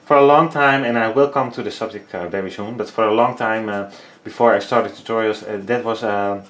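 His voice is lowish, steady and fairly bright, moving fairly quickly. A man in his thirties with a Dutch accent and Dutch and Frisian as first languages, he hosts a painting tutorial vlog in English, his third language, hesitating and filling pauses while searching for words, in an echoey small studio at home.

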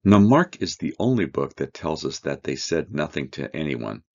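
Man, Bible teacher, very deep gravelly voice, lively intonation, dull lo-fi recording. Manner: reads scripture then explains it, slow earnest emphasis. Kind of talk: verse-by-verse Bible study.

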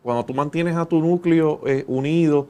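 A Puerto Rican man co-hosting a podcast, chatting casually with drawn-out fillers. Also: fairly high pitch, a little mellow.

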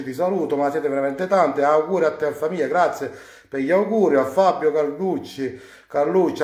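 A man from Sicily hosting a cooking live stream from his home kitchen, warmly greeting viewers one by one and drawing out their names. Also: a little high, echoey room. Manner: warm, effusive greetings, drawn-out names. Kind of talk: casual live-stream shout-outs.

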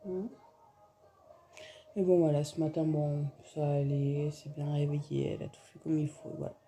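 Talking to camera in a casual vlog, this weary mom lets off steam, restarting sentences and letting phrases trail away. She speaks at a moderate pace in a warm, low, level voice. Slight background noise, roomy echo, and some distance from the mic mark the recording.

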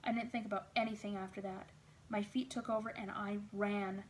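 A woman reading a children's novel aloud as storyteller, in a steady, expressive voice. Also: mid-range voice, normal speed, slight background noise.

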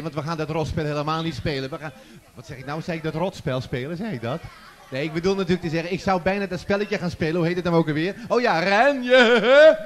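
Man, stage host, chatty and teasing, fairly high voice, handheld microphone, festival tent. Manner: jokey, chatty, teasing the audience. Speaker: presenter of a children's song contest. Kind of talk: live stage hosting. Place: large festival tent before an audience.

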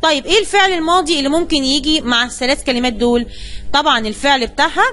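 A woman teacher with an Egyptian accent and a high voice. She addresses the class directly and takes each word apart patiently, one step at a time. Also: racing, fairly bright tone. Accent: Egyptian Arabic. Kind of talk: classroom lesson explanation.

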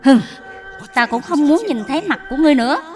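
A woman voicing a harsh, scornful old mother-in-law who scolds and shouts in a dubbed period drama. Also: sits high, animated, quick pace. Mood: furious. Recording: with music behind.

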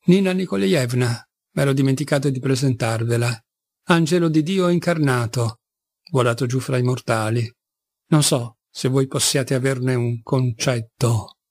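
A man's voice: mid-range voice, moderate pace, a little mellow, lightly acted. A man reading an audiobook, voicing a poor middle-aged captain who talks in a theatrical, fawning and bitterly ironic way.

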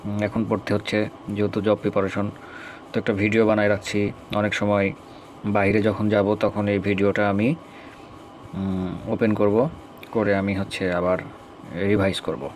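A young man reads out synonym lists for revision, slowly and deliberately, with casual asides. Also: lowish voice, little pitch movement, slight background noise. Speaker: grammar study video maker.

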